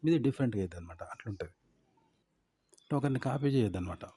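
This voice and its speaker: Brief: brisk, mellow-voiced man with a Telangana accent, emphatic advice monologue, keeps repeating himself and asking rhetorical questions. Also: mid-range voice, lively intonation, slight background noise. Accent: Telangana Telugu. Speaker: content-making tips presenter.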